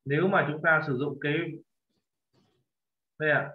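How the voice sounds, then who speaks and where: A man leads a language lesson, patiently correcting a student's pronunciation and repeating phrases slowly. His voice sits slightly high. The recording is lo-fi and echoes around the room. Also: fairly even intonation. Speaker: Korean language teacher. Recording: echoey, dull lo-fi room sound.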